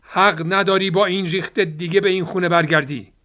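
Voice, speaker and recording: A woman's voice: lowish voice, fairly even intonation, fairly bright tone, lightly acted. A woman reading the part of a stern, angry middle-aged father who scolds harshly. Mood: scolding.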